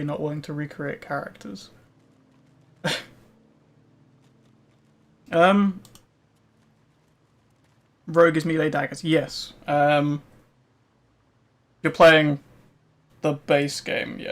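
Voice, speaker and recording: A man's voice: on the high side, steady tone, takes it slowly, long pauses. A man streaming a game, chatting casually and answering viewers with lots of "um" and "like.". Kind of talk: casual gameplay commentary.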